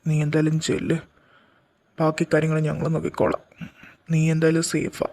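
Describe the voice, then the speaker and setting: A man's voice: a little high, monotone, moderate pace, creaky, darkish tone. A man voicing a shady middle-aged male accomplice in a fan audio drama, talking bluntly in a reassuring way. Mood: conspiratorial.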